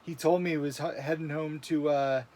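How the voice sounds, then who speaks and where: A man's voice: on the high side, fairly even intonation, fairly quick, darkish tone, slight background noise. A man in his thirties co-hosting a casual livestream, easygoing as he reads and greets viewers in chat. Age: 30s. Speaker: livestream co-host reading chat.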